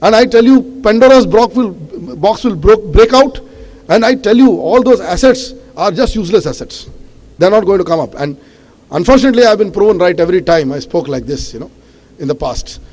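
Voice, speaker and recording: A high-voiced man with an Indian English accent gives an impassioned speech from a stage, pressing his warnings hard and dropping "you know" between points. His voice carries a long reverb from a large event hall. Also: expressive, a little fast, darkish tone. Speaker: awards host and speaker.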